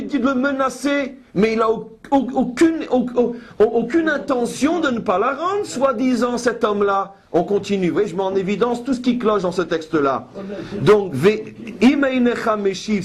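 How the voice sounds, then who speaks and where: A woman with a husky, breathy voice leads a Torah study lesson. She reads each Hebrew verse and then explains it. Her commentary is pointed and ironic. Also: a little high. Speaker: Bible teacher.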